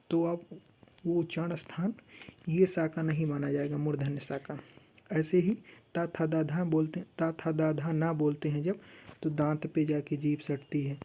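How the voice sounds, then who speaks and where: A woman teaching an exam-prep class, who asks the class questions, answers them herself and slowly chants rules for them to repeat. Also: low-pitched, dark tone, husky.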